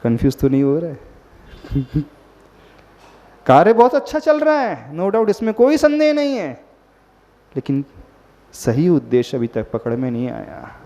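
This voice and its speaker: A man, a Jain monk, speaks in a warm, highish voice with huge pitch swings, taking his time and pausing often as he addresses a gathered audience. His sermon is peppered with questions to the listeners and English words. It was captured with long hall reverb and a dull, lo-fi sound.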